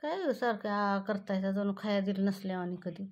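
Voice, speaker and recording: A woman's voice: mid-range voice, fairly quick. A woman, scolding and cooing at her cats in a casual home video. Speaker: cat owner vlogger. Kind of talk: casual talk to pet cats.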